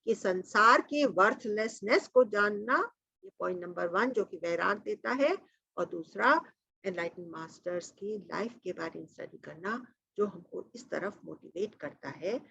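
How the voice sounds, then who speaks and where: Slow-speaking woman teaching on a video call. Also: fairly low pitch, vocal fry, a bit bright, breathy edge, no echo, dull audio. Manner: slow mantra chanting between explanations; mixes Hindi with English. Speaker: spiritual teacher. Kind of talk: online satsang teaching.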